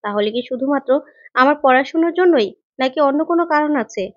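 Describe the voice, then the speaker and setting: Woman reading a touchy young woman student, high voice, dry dull recording: serial recap. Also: animated, fast talker, no echo. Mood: troubled.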